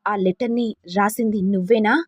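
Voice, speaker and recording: A woman's voice: medium pitch, fairly even intonation, normal speed, no echo, lightly acted. A woman voicing a stern but caring mother-in-law in an audio story, questioning insistently. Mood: pressing.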